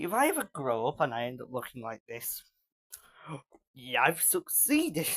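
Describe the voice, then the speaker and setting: A teenage live streamer from Manchester, England, speaks in a mid-range voice with a British accent, and there's no room sound. He rambles casually while reacting to videos, laughing often.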